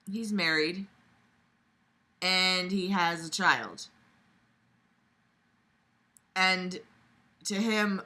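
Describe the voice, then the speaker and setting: Here a young woman speaks in a mid-range voice with a sharp tone, reading aloud and casually commenting in a blunt, sarcastic, exasperated manner. She's at home in a small room, stretched out on a bed.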